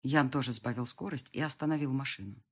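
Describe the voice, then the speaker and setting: Husky-voiced woman narrating an audiobook. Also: rumbling low, a little fast. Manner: emotional, expressive reading. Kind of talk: first-person audiobook narration.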